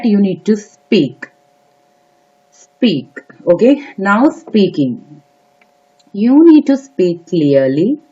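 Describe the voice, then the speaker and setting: A woman's voice: mid-range voice, mellow, husky. A woman teaching test-prep tips in a spoken lesson, giving instructions and repeating key advice, with some hesitant fillers. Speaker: exam prep tutor. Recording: slightly dull lo-fi audio.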